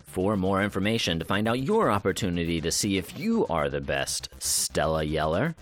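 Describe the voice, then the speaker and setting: Lively low-voiced man hosting theater news. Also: normal speed, faint music behind. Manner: upbeat, promotional, leans on "of course". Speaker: podcast host. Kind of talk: read theater news podcast.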